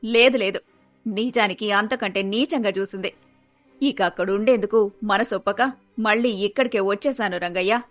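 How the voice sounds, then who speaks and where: A woman voicing an aging, widowed mother in an animated storybook, lamenting her troubles in a sorrowful, resigned way. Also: mid-range voice, moderate pace, soft background music, lightly acted. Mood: grieving. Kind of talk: storybook voice acting.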